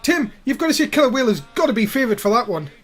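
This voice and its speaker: High-pitched male wrestling pre-show host. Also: sing-song, racing. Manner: announcer-like, addresses co-panellists and audience. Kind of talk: wrestling event preview presenting.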